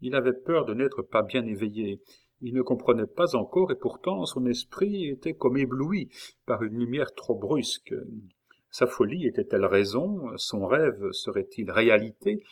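A man with a mid-range voice narrates a classic novel as an audiobook, telling the story in a measured yet expressive way.

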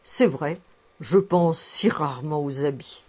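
A woman voicing a bashful, eager middle-aged bachelor who is easily flattered. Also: low-pitched, slow pace, breathy edge, full character voice.

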